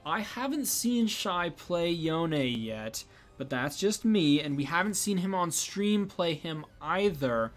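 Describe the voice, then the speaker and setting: A man's voice: on the high side, a bit bright. A young man casting a college esports match in casual, rambling commentary, sleepy and yawning, with lots of fillers and restarts. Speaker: esports caster.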